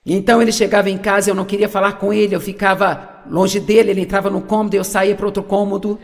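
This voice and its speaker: A woman's voice: medium pitch, flat delivery, quick pace, big-room sound. A woman preaching a sermon, asking the audience questions and repeating her key points.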